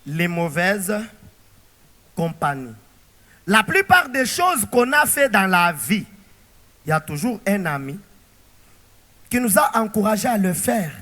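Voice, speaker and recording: A male pastor preaching a sermon, animated and throwing rhetorical questions to the congregation. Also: high voice, measured pace, pauses often, in a large hall.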